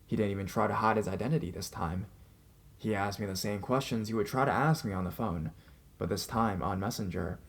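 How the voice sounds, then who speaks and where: Reading listener-submitted horror stories written in the first person, a male narrator speaks fairly quickly in a low, creaky voice. Background music accompanies him.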